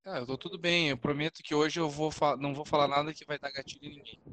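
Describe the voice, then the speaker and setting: A man's voice: fairly high pitch, flat delivery, fast talker, a bit bright, poor audio. A man with a Brazilian accent explaining things casually as a podcast panelist, often stumbling into his sentences.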